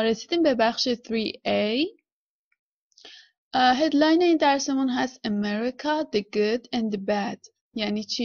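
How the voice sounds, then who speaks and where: A woman with a Persian accent teaches from an English textbook. Her voice sits a little high and has a gravelly fry. She reads phrases slowly and repeats them, and the recording sounds muffled and dry. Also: no echo. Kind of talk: explaining a textbook lesson.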